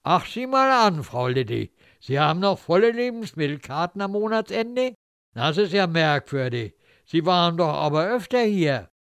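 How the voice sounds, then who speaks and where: A man's voice: high voice, sing-song, moderate pace, fairly bright tone, clean tone, dry recording, studio quality, full character voice. A man playing a suspicious petty official in a story, mock-polite and needling. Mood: snide suspicion.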